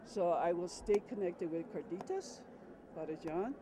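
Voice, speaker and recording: A woman pastor from Hawaii giving informal interview remarks outdoors by a road, speaking slowly and haltingly with fillers. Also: fairly low pitch. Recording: outdoor traffic noise behind.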